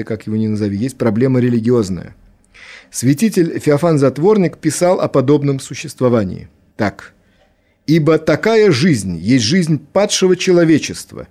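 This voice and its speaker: A man giving a spoken lecture on literature, reading passages aloud and commenting in an unhurried way with small fillers. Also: medium pitch, mellow.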